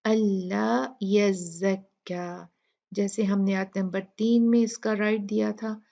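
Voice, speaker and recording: A woman with a Pakistani Urdu accent teaching Quran recitation rules, patiently repeating sounds slowly to demonstrate them. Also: mid-range voice, flat delivery, dark tone. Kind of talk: tajweed lesson explaining recitation rules. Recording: dull lo-fi recording.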